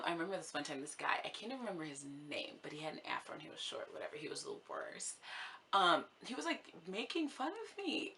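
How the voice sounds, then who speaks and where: A woman's voice: low voice, pushed and bright, a little hiss or hum. A young American woman chatting casually to her camera, laughing often and filling her talk with "like". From United States. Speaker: vlogger.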